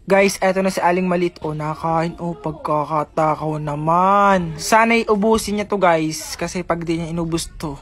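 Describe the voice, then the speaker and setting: A man's voice: fairly high pitch, fairly even intonation, normal speed, few pauses, fairly bright tone, faint music behind. A man with a Southern Tagalog accent vlogging casually to camera and to a child in a playful, teasing, exclamatory way.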